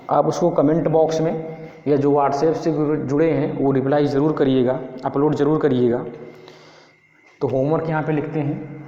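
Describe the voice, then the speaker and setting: A man's voice: fairly high pitch, warm tone. Man, grammar teacher, asks and answers his own questions, roomy echo, muffled sound. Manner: slow, repetitive explaining. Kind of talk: Hindi-medium English grammar lesson. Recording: echoey room, dull lo-fi sound.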